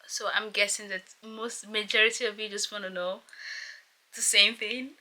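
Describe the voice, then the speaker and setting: A woman's voice: mid-range voice, a little slow. Nigerian woman in her thirties, chatty. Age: 30s. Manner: rambling, chatty, with fillers and laughs; talks softly so as not to wake someone. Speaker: vlogger. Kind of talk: casual get-to-know-me chat. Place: home, doing makeup on camera. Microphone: camera mic. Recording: loud background guitar music.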